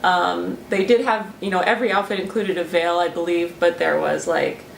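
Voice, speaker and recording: A young woman with a low, creaky voice speaks at normal speed with fairly even intonation, explaining her research as a student in an interview. She is thoughtful, though she often uses fillers and restarts. The roomy, slightly distant audio carries faint ambience and a little hiss or hum.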